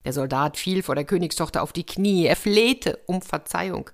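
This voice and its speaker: A woman telling a fairy tale aloud in a lively way, with chatty asides to the listeners. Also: lowish voice, moderate pace, creaky. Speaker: storyteller.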